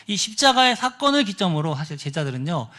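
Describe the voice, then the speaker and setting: Lively, bright-voiced male preacher. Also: fairly high pitch, fast talker. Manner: animated storytelling, acting out voices in quotes. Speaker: pastor. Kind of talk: sermon. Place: church sanctuary.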